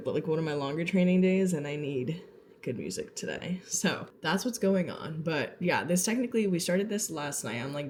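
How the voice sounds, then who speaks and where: A young woman talks to her viewers in a loose, sassy vlog chat, full of "like" and quick asides. She sounds a little out of breath. Faint background noise sits under her voice. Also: deep voice, darkish tone. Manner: chatty, sassy, lots of "like" fillers. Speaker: vlogger. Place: townhouse, indoors.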